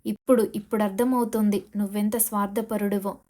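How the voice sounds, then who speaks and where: Female narrator doing a frantic young wife in an audiobook, shrill and emotional, warm mellow tone. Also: level tone, a little fast, natural voice. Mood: furious. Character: young wife, desperate and furious.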